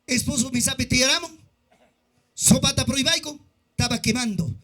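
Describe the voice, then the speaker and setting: A male pastor preaching a sermon in a mix of Quechua and Andean Peruvian Spanish, with an Andean Peruvian accent, shouting at times, then dropping his voice low. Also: normal speed. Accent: Peruvian Andean Spanish mixed with Quechua.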